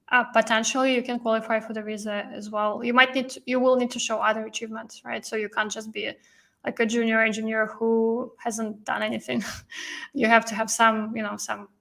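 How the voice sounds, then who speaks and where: This host and visa coach, a woman, leads a live-stream interview and explains in a chatty style packed with fillers while her voice gives out. Her pitch runs high, with vocal fry and a sharp tone.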